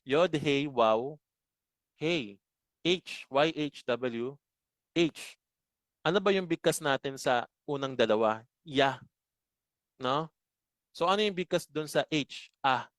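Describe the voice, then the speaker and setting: A man teaching a Bible study lesson, explaining slowly and asking his listeners rhetorical questions. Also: medium pitch, animated, dry recording. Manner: slow, explanatory, asks rhetorical questions often.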